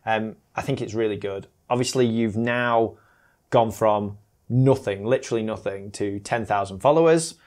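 A woman's voice: extremely low pitch, normal speed, a little mellow. A woman hosting a podcast interview in a studio, friendly and encouraging, laughing along with her guest. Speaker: podcast host. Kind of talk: casual interview.

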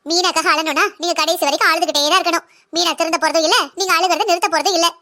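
A woman voicing a young, blunt and defiant daughter-in-law in a cartoon drama, speaking in a fast, lecturing way. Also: very high-pitched, steady tone, sharp tone, exaggerated voice.

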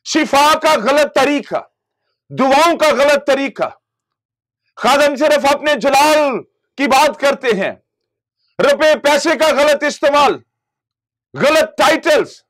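A man's voice: very high-pitched, fairly bright tone. A middle-aged man from Pakistan, a pastor preaching a televised sermon in a studio on a lapel mic, with impassioned emphasis that rises and falls. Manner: gestures constantly with both hands.

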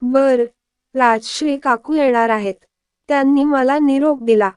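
Woman doing a jokey older brother, teasing, high clear voice. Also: measured pace, darkish tone, dry recording. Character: young man, joking older brother.

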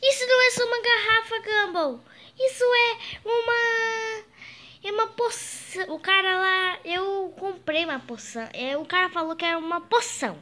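A young man voicing Darwin, a gentle cartoon fish boy turned into a baby, speaking eagerly and explaining things in a Minecraft role-play. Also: very high voice, moderate pace, heavily acted.

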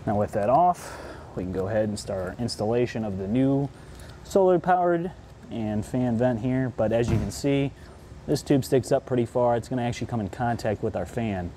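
Here a man in his thirties, presenting a product installation, chats conversationally through a how-to demo on a large indoor workshop floor, hands busy with the work. He speaks at a moderate pace in a mellow, mid-range voice, with some slight background noise.

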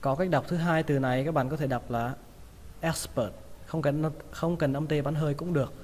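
A man's voice: fairly high pitch, fairly even intonation, darkish tone, long reverb tail, slight background noise. Man teaching English words with a Vietnamese accent. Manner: repeats each word slowly several times. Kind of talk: pronunciation lesson.

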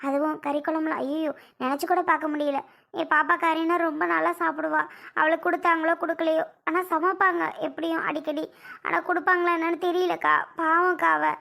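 A woman's voice: very high voice, flat delivery, fairly quick, creaky, bright, forceful tone, full character voice. A woman playing an anxious young mother who insistently pleads to go back to her child, in an amateur family drama skit. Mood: pleading.

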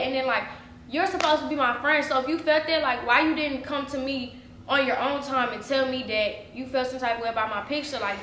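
A woman's voice: high voice, sharp tone, slight background noise. Indignant young woman ranting to camera. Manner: indignant, repeats herself, lots of "like" and "y'all". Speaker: YouTuber. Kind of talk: casual vlog rant to camera. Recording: echoey room.

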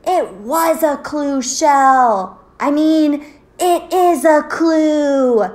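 Storybook part: a woman doing a loud, high, eager little boy egg who yells his news. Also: extremely slow.

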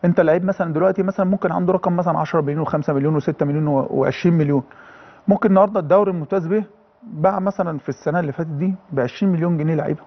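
Egyptian guy in his 30s, footballer on a tv chat, talks super fast, earnest, slightly high voice, muffled sound. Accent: Egyptian Arabic. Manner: earnest, halting with many restarts. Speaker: footballer guest. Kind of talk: casual TV interview.

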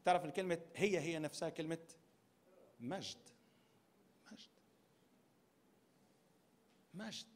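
A man's voice: a little high, animated, a little slow, pauses often. A male pastor with an Egyptian Arabic accent preaching a sermon at a church conference. He repeats key phrases for emphasis and asks the congregation rhetorical questions.

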